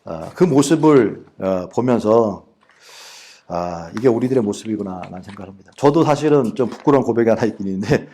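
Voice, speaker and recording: Animated Korean pastor preaching. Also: male voice, on the low side, a little fast. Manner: animated storytelling, acting out his past anger in prayer. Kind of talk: sermon with personal story.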